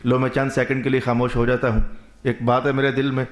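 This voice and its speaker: A man's voice: medium pitch, flat delivery, echoey room. A man preaching a sermon in a Pakistani Urdu accent, stacking short repeated phrases and asking rhetorical questions before he answers them. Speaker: Islamic preacher.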